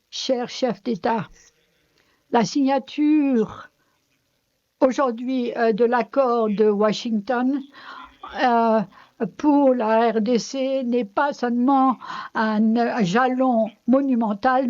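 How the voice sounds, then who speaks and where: A woman interpreting speeches live, hesitant and pausing often on fillers. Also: a little high, a little mellow. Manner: hesitant, frequent filler pauses. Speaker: simultaneous interpreter. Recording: dull lo-fi broadcast audio.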